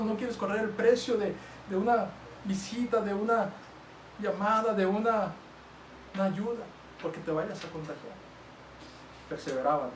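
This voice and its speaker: A male pastor preaching a sermon in earnest, moving between loud urging and hushed storytelling. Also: fairly high pitch, background noise. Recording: roomy, distant church livestream sound.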